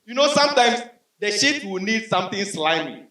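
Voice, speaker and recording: Animated stand-up comic man, roomy club. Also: high-pitched, moderate pace. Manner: animated storytelling with vocal sound effects. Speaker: stand-up comedian. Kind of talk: stand-up comedy set. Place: comedy club stage. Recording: roomy club sound from a distance.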